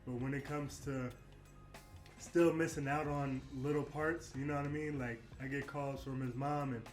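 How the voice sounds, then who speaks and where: In an echoey room with faint music playing, a man in his late twenties, a basketball player, gives a candid, reflective casual interview. He uses medium pitch, a steady tone and a moderate pace, often adding "you know what I mean."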